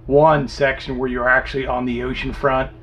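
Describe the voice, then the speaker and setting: A man's voice: mid-range voice, little pitch movement, moderate pace. Easygoing man in his fifties explaining. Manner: easygoing, explains things, trails off quietly. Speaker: RV vlog co-host. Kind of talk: casual chat. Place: inside an RV, seated at table. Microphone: camera a few feet away. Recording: dull sound with faint background hiss.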